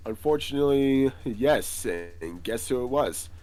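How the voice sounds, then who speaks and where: A man's voice: mid-range voice, animated, unhurried, a little mellow, soft background music, close to an everyday voice. A man playing a boastful middle-aged veteran magic hero in an improvised role-play podcast interview, rambling and hesitant, full of filler words. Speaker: interview guest.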